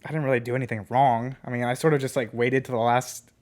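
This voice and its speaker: A man's voice: mid-range voice, level tone, fast talker, darkish tone. Rambling young man telling a story. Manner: rambling, lots of filler words. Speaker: podcast co-host. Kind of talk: casual storytelling.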